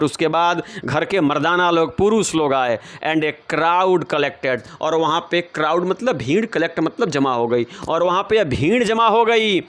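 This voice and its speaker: High-voiced teacher explaining. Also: male voice, fairly bright tone, clean tone. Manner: reads English lines slowly, then explains and repeats in Hindi. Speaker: English teacher. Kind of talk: classroom explanation.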